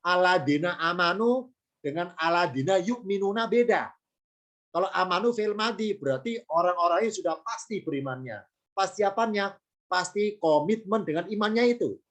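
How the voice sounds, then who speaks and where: A man's voice: high voice, lively intonation, normal speed, fairly bright tone. Indonesian man teaching grammar, self-questioning. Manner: explanatory, asks and answers his own questions, light joking. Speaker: Quranic Arabic grammar teacher. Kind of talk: online lecture.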